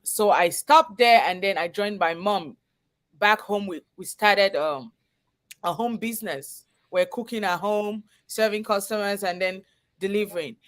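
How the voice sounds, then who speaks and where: In a live interview, this guest, a chef and business owner with a Cameroonian accent, earnestly and conversationally recounts her own story. She speaks at a measured pace with a medium, fairly bright voice.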